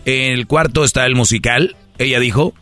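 A man's voice: medium pitch, bright, forceful tone. A man with a Mexican accent hosting a comedy game show, mocking contestants as he reads the answers. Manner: mocking, brisk. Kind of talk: reading out game results.

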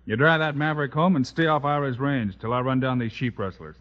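An actor playing a calm, firm frontier marshal hero in an old radio western. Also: male voice, mid-range voice, brisk, close to an everyday voice. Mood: steady. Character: Wild Bill Hickok, calm steady frontier marshal hero. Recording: muffled old radio recording with hiss.

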